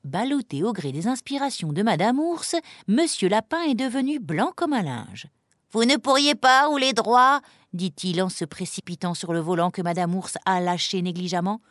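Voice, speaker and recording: A woman narrating a children's story in a lively, expressive reading voice. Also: on the low side, normal speed, few pauses, dry recording, clean studio sound.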